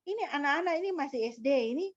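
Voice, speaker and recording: A woman pastor preaching in a fairly high voice, teaching point by point and tossing rhetorical questions to her listeners. The recording is dry and somewhat dull, like a lo-fi capture. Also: expressive, rapid-fire, no echo. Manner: didactic, with frequent rhetorical questions. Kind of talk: sermon.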